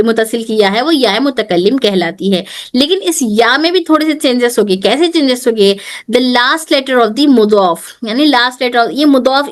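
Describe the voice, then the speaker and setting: Female teacher, higher-pitched, patient and repetitive, switches to English for rules. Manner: repeats terms, checks understanding often; mixes Hindi with English phrases. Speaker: Arabic teacher. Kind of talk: online grammar class.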